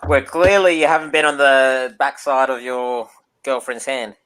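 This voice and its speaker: A man's voice: mid-range voice, fairly even intonation, a little slow, a bit bright, clean tone, rough recording. A man joking and teasing in casual chat with friends on an online call.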